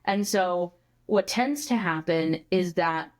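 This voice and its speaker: Animated woman guest with a lower voice. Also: slow. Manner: animated, lots of "like" fillers. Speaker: podcast guest. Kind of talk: conversational interview.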